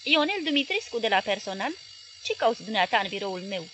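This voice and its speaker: An outraged middle-aged newspaper owner snaps sharp, exasperated questions, as a woman reads him aloud in an audiobook. The voice sits fairly high and pushes louder than the narration around it. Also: expressive, a little hiss or hum. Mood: indignant.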